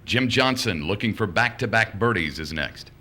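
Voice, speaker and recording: A man's voice: fairly low pitch, expressive, normal speed, bright, forceful tone, a little hiss or hum. A man working as a golf commentator, calling play in short, terse announcements.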